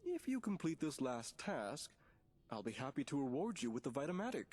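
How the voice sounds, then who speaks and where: Stuffy game official, formal and condescending, raspy, lots of up and down. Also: male voice, medium pitch, very animated, brisk, darkish tone. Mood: condescending approval. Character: formal, condescending male authority figure in a vault. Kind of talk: video game dialogue.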